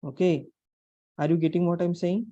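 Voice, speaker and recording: Mellow Indian English programming instructor, dull audio. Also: mid-range voice, fairly even intonation, moderate pace, no echo. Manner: repeats phrases and checks understanding with questions. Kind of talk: online class lecture, explaining step by step. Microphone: online class call microphone.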